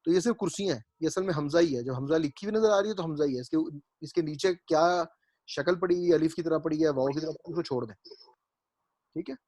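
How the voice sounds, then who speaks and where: A man's voice: fairly high pitch, darkish tone, dry recording. A man teaching Arabic grammar in a classroom lecture. He explains step by step, repeats his points and keeps checking that his students understand.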